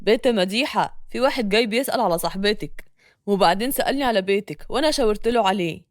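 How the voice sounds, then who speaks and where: A woman's voice: mid-range voice, lively intonation, very fast, no echo, clean studio sound, pitched below the performer's own voice, natural voice. A woman with an Egyptian accent voicing an eager, respectful young neighborhood man giving directions. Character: chatty young neighborhood man, helpful informant.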